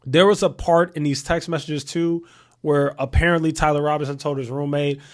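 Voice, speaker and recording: A thirty-year-old man talks straight to his audience in a casual commentary, leaning on rhetorical questions and repeating key points for emphasis. His voice sits a little higher than most men's. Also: level tone, moderate pace. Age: 30s. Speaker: commentary channel host.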